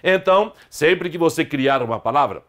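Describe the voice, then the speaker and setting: Brief: middle-aged Brazilian man, online grammar teacher, slightly high voice, emphatic and explanatory. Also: moderate pace. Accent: Brazilian Portuguese. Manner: explanatory, emphatic, lively pitch swings on example words.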